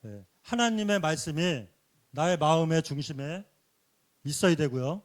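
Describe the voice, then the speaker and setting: A man giving a sermon-like church lecture, earnestly explaining points and dropping a soft affirming "yes" between phrases. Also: fairly high pitch, lively intonation, unhurried. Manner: earnest, explanatory teaching with rhetorical questions.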